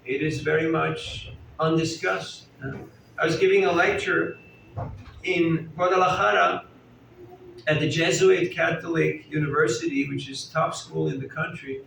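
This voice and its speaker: A slightly high, gravelly, fairly bright voice belongs to a spiritual teacher who speaks unhurriedly with fairly even intonation. In an indoor festival hall he gives a chatty sermon, questioning and joking with listeners, while the distant mic catches echo and faint room sound.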